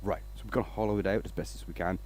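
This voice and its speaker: A man's voice: low voice, fairly even intonation, very fast, a little mellow. A man from Denmark, hosting a casual woodturning livestream, rambling along and greeting viewers by name.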